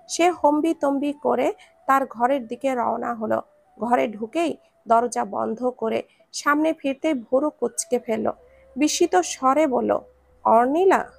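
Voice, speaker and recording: A woman narrates a scripted story with expressive delivery. Her voice is high, with a noticeable gravelly fry.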